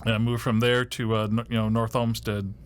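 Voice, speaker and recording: A man's voice: fairly low pitch, level tone, normal speed, a little hiss or hum. Rambling Ohio man in his fifties. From Ohio, USA. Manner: rambling, full of "you know" and "like", dry jokes. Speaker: host and first-year university advisor. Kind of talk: casual podcast interview. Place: podcast studio.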